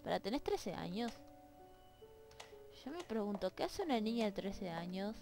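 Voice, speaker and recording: A woman's medium-pitched voice swings widely in pitch at a normal speed, mellow with some vocal fry. She's a let's-play gamer reading the game's text in silly voices and playfully talking to its characters, at home near her dogs, with soft background music.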